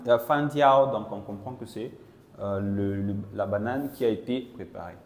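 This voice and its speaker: Speaking at normal speed in a fairly low voice, a man interprets a Chinese lesson into French, explaining patiently and confirming students follow with "non?" and "voilà." Long reverb fills the echoey classroom.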